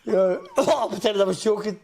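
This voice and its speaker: A Scottish man co-hosting a podcast, ranting in animated, exasperated casual chat and laughing often. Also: sits high, brisk, creaky, breathy edge. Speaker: podcast co-host.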